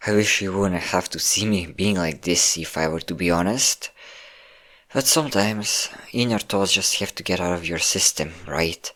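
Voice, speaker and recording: A man with a low, bright, forceful voice plays a depressed young adult in an intimate audio roleplay. Weary but grateful, he tearfully confides in his best friend, halting and putting himself down.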